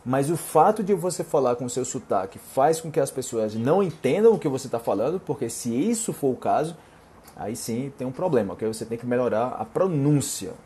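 Brazilian man, Brazilian Portuguese accent, warm mellow voice, casual Q&A, keeps asking "ok?". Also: medium pitch, expressive, fairly quick. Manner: chatty, reads viewer questions aloud and answers them, says "ok?" often. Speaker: Portuguese teacher and online host. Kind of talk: casual live Q&A.

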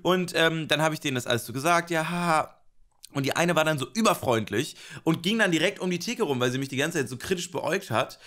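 A podcast co-host with a rather high, bright voice rambles through a funny story in easy casual chat. He laughs between lines and slips into little acted quotes. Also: fast talker.

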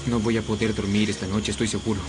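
A man's voice: on the low side, little pitch movement, quick pace, loud music behind the voice. A man speaking candidly as a participant in a dubbed survival reality show, a little self-deprecating.

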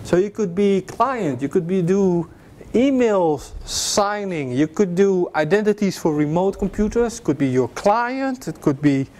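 With a high, darkish voice, this young adult man speaks expressively at a measured pace, barely pausing. His slide-based security lecture is informal and full of jokes, fillers, and restarts, filmed by a distant camera in a classroom with a projector screen.

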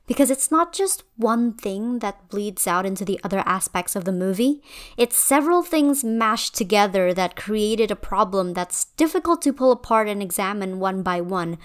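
This is a scripted commentary voice-over for a video essay, spoken by a young woman from Indonesia at a normal speed. Her mid-range voice has lively intonation, and her manner is chatty, opinionated and a bit wry.

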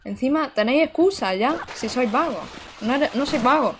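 A young woman from Barcelona chats away while streaming a video game live, breaking into exclamations and giggles as she answers viewers. Her voice sits a bit high. A faint noise runs under her desk mic indoors. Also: lively intonation, moderate pace, a bit bright. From Barcelona, Spain. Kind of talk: casual live-stream chat while gaming. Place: indoor room.

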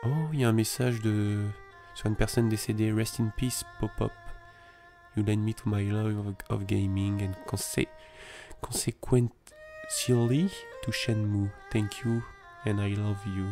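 A man hosting a calm let's play, reading in-game messages aloud and musing on them in a chatty way. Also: fairly low pitch, measured pace, soft background music. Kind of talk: calm gameplay commentary.

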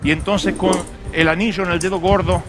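A man's voice: high voice, a little fast, music in the background. A man preaching a humorous sermon as a pastor, telling stories and acting out voices. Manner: animated storytelling with acted voices and jokes.

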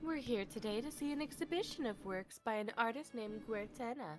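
A woman's voice: on the high side, brisk, music in the background, natural voice. A woman voicing a posh, prim mother, reading game dialogue aloud in a patronizing, instructive manner.

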